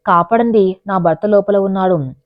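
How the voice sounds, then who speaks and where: A woman's voice: mid-range voice, normal speed, no room sound, lo-fi sound, natural voice. A woman voicing a desperate tearful young wife. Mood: anguished. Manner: pleading, cries out.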